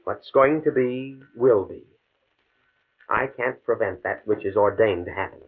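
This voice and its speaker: A husky, lowish male voice portrays a determined but fatalistic scientist in an old 1950s radio play, speaking at a measured pace with grave precision and grim resolve. The desperate professor comes through muffled and band-limited.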